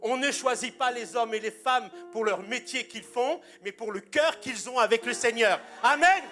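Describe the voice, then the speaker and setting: A man's voice: very high-pitched, moderate pace, bright, forceful tone, soft background music. A man in his sixties, a pastor preaching a sermon in a church and telling humorous anecdotes with punchlines.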